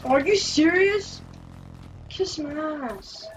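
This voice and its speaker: A woman playing a video game, exclaiming excitedly in casual banter with a friend. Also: high-pitched, drawn-out words, a little hiss or hum, rough recording.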